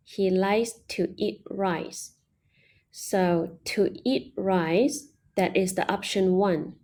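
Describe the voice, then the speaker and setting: A woman leads an online language lesson at an unhurried pace. Her voice is soft and mellow, and she patiently explains each step. She slowly models every example phrase. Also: mid-range voice. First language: Mandarin Chinese. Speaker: Chinese language teacher.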